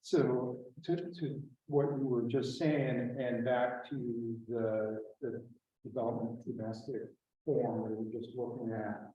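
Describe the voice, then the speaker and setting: A man's voice: medium pitch, steady tone, a little slow, dark tone, slight background noise. A man on a board asking a question at a public meeting, searching for his words as he goes. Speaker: board member. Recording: dull, echoey meeting room from far off.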